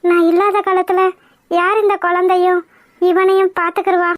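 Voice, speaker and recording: A woman's voice: very high voice, little pitch movement, normal speed, dry recording, studio quality. A woman voicing a fretful old grandmother in a village cartoon, who scolds her son and frets over the baby. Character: worried old grandmother, fond and fussing.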